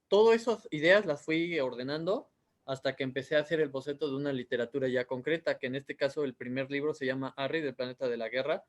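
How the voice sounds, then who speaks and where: A Mexican man in his thirties, an author answering interview questions in a rambling way with many fillers. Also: medium pitch. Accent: Mexican Spanish. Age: 30s.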